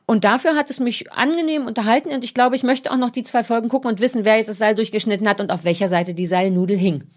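A woman's voice: a little high, fast. A woman co-hosting a podcast in a studio, chatting casually, opinionated and joking. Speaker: podcast co-host. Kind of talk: casual chat. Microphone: headphones.

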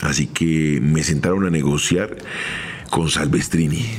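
A middle-aged man with a Colombian accent, a former footballer telling his own career story in a measured, step-by-step podcast monologue. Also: a bass voice, steady tone, slight background noise. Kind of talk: first-person podcast storytelling.

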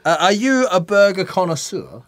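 A man's voice: sits high, expressive, normal speed, slight background noise. A man from Australia hosting a casual radio chat and asking playful, teasing questions. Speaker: host.

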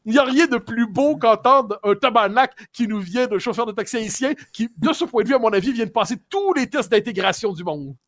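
A man with a Québécois French accent giving animated, digressive political commentary on a talk show, often restarting and repeating words. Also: extremely high pitch, fairly quick, few pauses, no room sound, studio quality.

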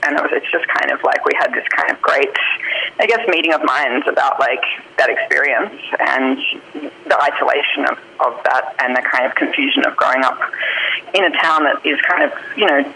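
A woman's voice: extremely low pitch, fairly quick, vocal fry, sharp tone. Australian woman in her thirties, chatty, laughs a lot, noisy phone line, busy background hum. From New South Wales, Australia. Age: 30s. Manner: chatty, laughs often, many fillers. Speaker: theatre director, guest. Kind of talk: casual interview over the phone. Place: car rental shop at a train station.

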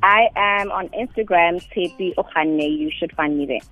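Female guest on a tinny phone line, husky, measured self-care advice with frequent pauses. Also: lowish voice, faint music behind. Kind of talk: conversational advice. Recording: thin band-limited phone-like line.

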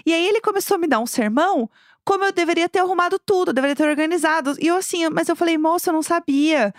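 Young woman, high voice, dry close sound, lively storyteller, casual podcast co-host. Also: quick pace, no room sound. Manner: animated storyteller acting out quoted voices.

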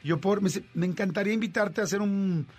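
Animated Mexican man telling a story. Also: high-pitched, fast, husky, faint music behind. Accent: Mexican Spanish. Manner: animated, acts out dialogue with shifting voices. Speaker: radio host and voice actor. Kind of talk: casual storytelling chat.

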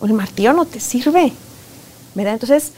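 A woman, speaking as a guest expert in a conversational interview, animated and often acting out parents and children. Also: a little high, measured pace, slightly rough. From Guatemala. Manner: animated, acts out parents and children in quoted voices. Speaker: positive discipline expert guest.

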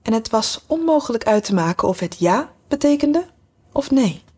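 A woman narrating a storybook in a measured, even reading voice. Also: a little high, breathy edge. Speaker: audiobook narrator.

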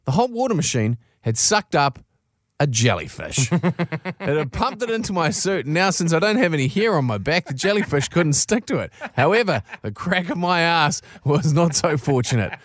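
A man's voice: fairly high pitch, big pitch swings, moderate pace, no echo. A man co-hosting a radio show in a casual, blokey, slangy way, chatting and telling stories in a studio. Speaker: radio co-host. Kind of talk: casual radio chat and animated reading aloud of a comic anecdote.

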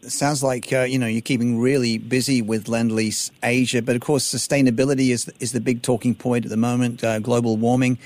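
A man's voice: mid-range voice, flat delivery, brisk, few pauses, a little mellow. An Australian man co-hosting a broadcast interview in a conversational style, responding and leading into questions. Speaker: radio co-host interviewer.

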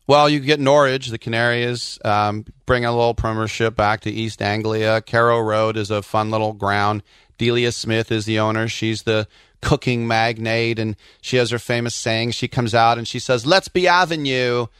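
A man with a fairly low, smooth voice in casual sports talk. He speaks as a commentator who drifts into anecdotes. The sound is close and dry. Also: flat delivery, moderate pace, fairly bright tone, dry recording. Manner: digressive, anecdotal. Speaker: soccer commentator and co-host.

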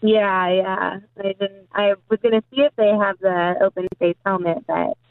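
A woman chatting casually as a radio show guest, her voice hollow and echoey as if talking inside a barrel, speaking in brief, halting remarks. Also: medium pitch, steady tone. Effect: hollow, echoey sound, like talking inside a barrel. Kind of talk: casual chat. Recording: tinny phone-like line.

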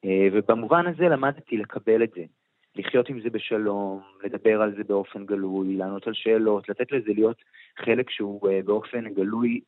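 A middle-aged man with a lowish voice answers slowly and thoughtfully, filling his pauses with hesitant sounds. The sound is thin and phone-like, with a dry, close feel. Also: steady tone, no echo. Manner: hesitant, many pauses and fillers. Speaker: interview guest, author. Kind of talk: reflective interview answers.

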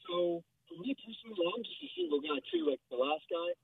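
A man from Maryland calling in to a radio show, talking in an earnest, casual, halting way, his voice muffled as if through a wall. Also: very high-pitched, big pitch swings, vocal fry, slightly rough, no echo. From Maryland, USA. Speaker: caller. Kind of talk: call-in radio chat. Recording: muffled, tinny phone line.

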